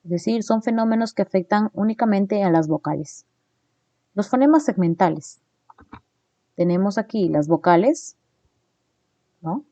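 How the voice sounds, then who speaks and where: A woman teaches a phonetics lesson in a mellow, warm voice. She tags her points with quick checks to her listeners and sounds out examples slowly. The recording is dry and close, with no room sound. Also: medium pitch, lively intonation, no room sound, highs cut off. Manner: explains slides, checks in with "¿no?"; demonstrates sounds slowly and deliberately.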